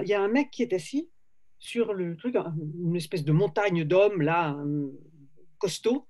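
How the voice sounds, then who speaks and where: Older woman publisher telling a lively anecdote. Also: mid-range voice. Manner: animated anecdotal storytelling with many restarts. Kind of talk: storytelling interview.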